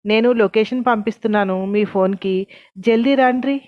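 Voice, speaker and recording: A woman's voice: fairly high pitch, fairly even intonation, moderate pace, no echo, natural voice. A woman reading a servile male henchman. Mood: deferential. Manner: deferential. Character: servile male henchman spying for his boss. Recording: dull lo-fi recording.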